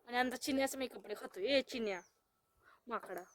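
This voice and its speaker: A woman's voice: fairly high pitch, normal speed. A woman filming a casual farm vlog outdoors on a phone, coaxing and playfully calling to her pet goat. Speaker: vlogger. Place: outdoors on a farm with goats and hens. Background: goat bleating.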